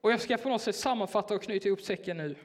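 A man preaching in a church, telling a personal story in a casual, hesitant way with many fillers. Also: high voice. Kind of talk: sermon told as a personal story.

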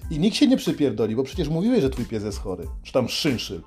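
A man's voice: medium pitch, wildly swooping pitch, fast, a little mellow, faint music behind. A man delivering a crude, sardonic comic monologue full of swearing. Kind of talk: profane satirical monologue.

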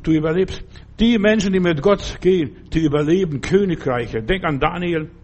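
An older man with a fairly high voice preaches a sermon, earnestly repeating his exhortations. At times he drops into a soft, slow, reassuring tone.

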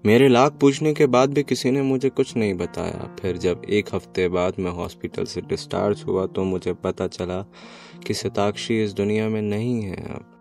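A young man tells a first-person love story in a wistful, reflective way. His voice sits low and has a gravelly fry, with faint music underneath. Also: fairly even intonation, normal speed, darkish tone. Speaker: narrator.

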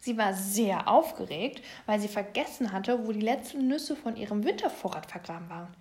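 A woman reading a children's story aloud, in a gentle, even storybook manner. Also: mid-range voice, normal speed.

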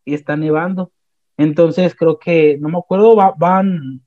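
A young man with a Mexican accent, casually retelling an anime plot in a slangy, animated way with many restarts. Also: on the high side, a little slow, no room sound. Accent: Mexican Spanish. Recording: dull, slightly lo-fi dry sound.

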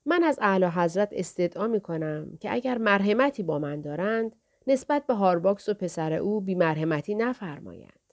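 A woman's voice: medium pitch, expressive, lightly acted. Audiobook part: a humble, respectful royal daughter, read by a woman, polite court speech. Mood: deferential.

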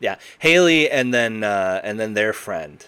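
A man's voice: lowish voice, expressive, a little slow, pushed and bright, clean tone. A man co-hosting a film podcast in casual chat, rambling and correcting himself, laughing often. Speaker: podcast co-host.

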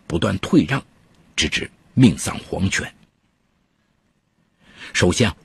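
Male true crime narrator: strongly raspy, dramatic scripted storytelling, emphatic delivery, close dry sound. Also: lowish voice, a bit bright, no echo.

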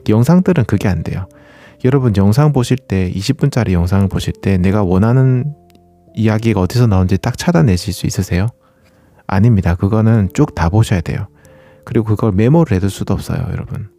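Low-pitched and mellow, the running channel host speaks at a fairly quick clip. His manner is casual and courteous as he explains things and poses questions to his audience.

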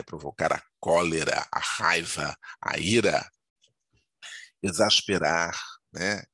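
Chatty low-voiced Brazilian man teaching grammar. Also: bright, forceful tone, breathy edge, no echo. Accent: Brazilian Portuguese. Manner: chatty, digressive, frequent tag questions. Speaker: Portuguese teacher. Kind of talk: casual grammar lesson.

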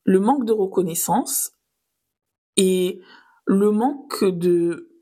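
A woman hosting a solo podcast, speaking earnestly and reflectively, pausing on fillers. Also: mid-range voice, mellow, breathy edge. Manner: earnest, reflective, with filler pauses and small laughs. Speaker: podcast host.

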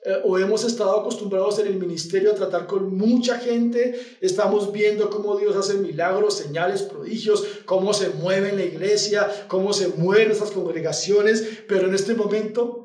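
A male youth pastor preaching a sermon, telling a scripture story dramatically and dropping to hushed, calming phrases, recorded from a distance in an echoey room. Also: sits high, normal speed, hardly any pauses.

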